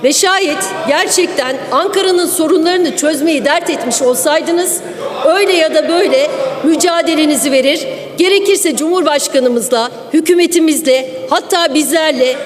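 A woman politician speaks into a rostrum microphone with a high voice, declaiming and accusing, pushing up to shouts at times. Her voice rings out with the long reverb of a big assembly hall. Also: normal speed, crowd noise. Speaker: member of parliament. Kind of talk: parliamentary speech. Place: parliament chamber.

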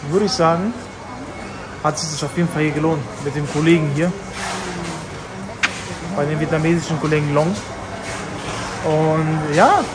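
Hyped vlogger man outdoors. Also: fairly high pitch. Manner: hyped, slangy, repeats himself. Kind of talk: casual vlog commentary. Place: outdoors by a market hall and parking lot. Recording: street noise outdoors.

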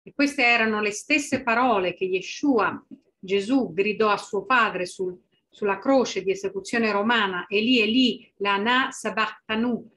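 A woman's voice: medium pitch, a little slow, a bit bright. A woman interpreting a sermon phrase by phrase, with small restarts.

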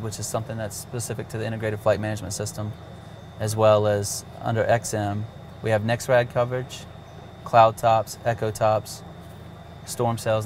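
Here a man with a fairly low voice is heard over a little hiss or hum. An avionics demonstrator, he plainly and casually goes through a cockpit navigation system's steps, occasionally using fillers.

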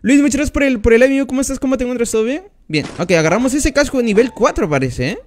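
Very high-voiced man streaming a game. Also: lively intonation, very fast, a little hiss or hum. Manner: chatty, thanks and greets each viewer by name. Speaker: gaming streamer. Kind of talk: live gameplay commentary.

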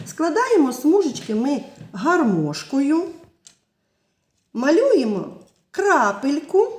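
A woman kindergarten teacher telling a story and leading a craft lesson for small children in a gentle, coaxing, sing-song way. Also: a little high. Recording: roomy echo.

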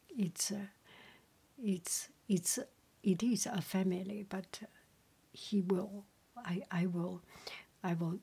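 A middle-aged woman whispering a casual ASMR chat as a home cook, halting and often repeating herself in a breathy voice. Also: medium pitch, darkish tone. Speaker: home cook and video creator.

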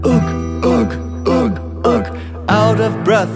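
A woman singing as a slow, tired turtle. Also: medium pitch. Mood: weary. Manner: sighing, slow sing-song. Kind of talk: sung children's song. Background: loud guitar music.

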